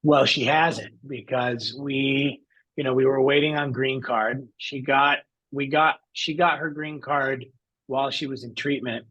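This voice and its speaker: Man, interview guest, earnest and reflective, mid-pitched voice. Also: steady tone, unhurried, pushed and bright, breathy edge, highs cut off. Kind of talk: conversational interview.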